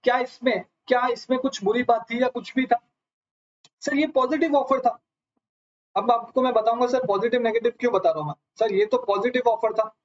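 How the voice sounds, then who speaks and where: A man's voice: very high-pitched, fairly even intonation, normal speed. A man teaching a live online lecture, asking his students question after question and calling them sir. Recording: slightly dull lo-fi audio.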